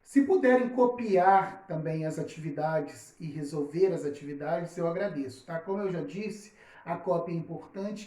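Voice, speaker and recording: A woman teacher gives a lesson to children, saying example words slowly and checking often that they understand. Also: lowish voice, dark tone. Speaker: primary school teacher. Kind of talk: recorded online lesson. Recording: roomy, echoey recording.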